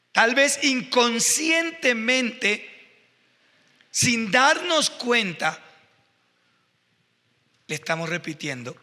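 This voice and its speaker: A man's voice: high-pitched, pushed and bright, big-room sound. A male pastor preaching a sermon, telling stories with growing emotion and fervor. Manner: emotional, storytelling with rising fervor. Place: church hall.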